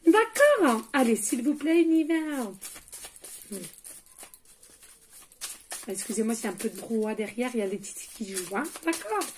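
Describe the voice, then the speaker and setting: A woman's voice: a little high, very animated, moderate pace, pauses often, a little hiss or hum. A woman working as a medium, giving a chatty oracle card reading with frequent asides to her viewers, and dropping to a murmur when she asks the universe for messages.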